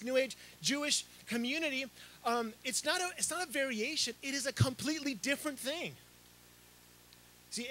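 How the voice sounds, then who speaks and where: A middle-aged man who grew up in Chile, a pastor preaching a sermon into a handheld microphone outdoors under a canopy, animated, with frequent repeats and restarts. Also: very high-pitched.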